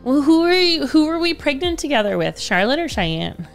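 A woman's voice: high voice, big pitch swings, normal speed, creaky. A young adult woman hosting a casual birthday livestream, playful and giggly, chatting with her co-host. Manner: giggly, playful, reads chat aloud. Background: faint background music.

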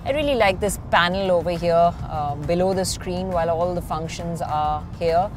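A middle-aged woman presents a travel and driving show as a motoring journalist, first at an underwater observatory and then inside a car. With a low-ish voice at normal speed, she enthusiastically describes the sights and car features in vlog narration and on-camera commentary. Loud music plays in the background.

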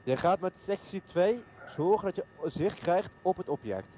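A man's voice: lively intonation, moderate pace. A man leading a game squad, giving informal, slightly hesitant tactical instructions. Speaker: team leader in a military simulation game. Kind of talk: casual tactical planning during gameplay. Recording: very noisy, loud aircraft rumble. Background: aircraft rumble from the game.

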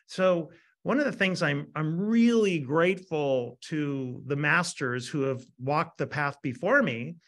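A man in his fifties, a dentist lecturing in an energetic webinar and often asking the audience a rhetorical "right?". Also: fairly high pitch, a little slow.

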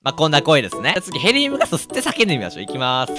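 A man who makes gaming videos, chatting casually and excitably to camera at a desk microphone. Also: on the high side, racing, loud music behind the voice. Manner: loud, excitable. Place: small room at a desk.

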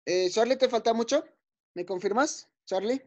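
Guy teaching little kids online, patient, keeps repeating words, muffled call audio. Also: very high voice. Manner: patient and encouraging, repeats words slowly and often checks in. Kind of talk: online class for young children. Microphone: video call. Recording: dull lo-fi video call audio.

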